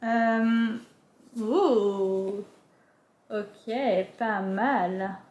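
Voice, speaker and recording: A woman's voice: medium pitch, fairly even intonation, drawn-out words, a little mellow, reverberant, lo-fi sound. A young woman chatting casually as she unboxes books, full of fillers and self-corrections. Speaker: book vlogger.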